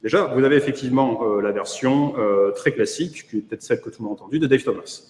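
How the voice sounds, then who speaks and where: A man's voice: mid-range voice, fast talker, a little mellow. A man with a French accent giving a conference keynote online, hesitant with many fillers and wry asides. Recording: echoey room with long reverb.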